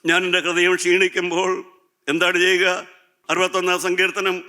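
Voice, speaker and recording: A male preacher with a very bright, smooth and clear voice, pitched a little high. He preaches with fervor, repeating phrases and pressing questions on his listeners. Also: monotone, brisk. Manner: addresses listeners as children of God. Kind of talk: sermon.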